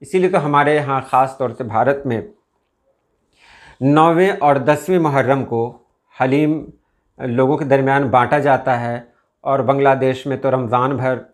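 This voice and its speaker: A man from India giving an unscripted explanatory talk as a video host, speaking in a measured way with frequent "uh" pauses. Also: medium pitch, fairly even intonation.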